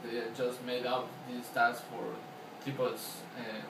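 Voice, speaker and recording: Heard from afar in an echoey room over constant background noise, a young man with an Ecuadorian accent and a gravelly, mid-range voice responds to interview questions. As a student interviewee, he hesitates a lot, using fillers and starting his sentences over.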